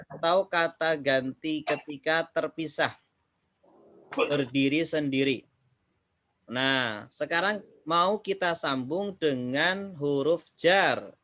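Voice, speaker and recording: Slow, patient male teacher. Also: a little high, a bit bright, slight background noise. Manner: slow, patient, repeats answers back. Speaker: Arabic reading teacher. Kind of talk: online class drilling students.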